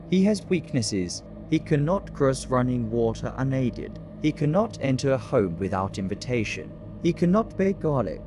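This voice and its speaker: Guy playing old doctor vampire hunter, horror drama, grave and emphatic, lots of pitch movement, music behind. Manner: emphatic, deliberate, repeating key words. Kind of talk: horror audio drama monologue.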